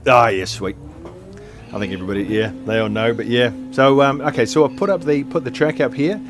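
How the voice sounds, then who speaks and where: A man's voice: medium pitch, brisk. A man co-hosting a sim racing stream, talking in a loose, chatty way with lots of fillers and self-deprecating asides. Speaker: co-host doing the visuals.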